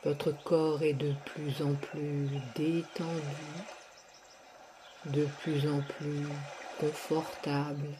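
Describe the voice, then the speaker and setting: A woman leading a guided sophrology relaxation, speaking softly and drawing out her words with long pauses. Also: low-pitched, level tone, noisy background. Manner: slow, soft, drawn-out delivery with long pauses.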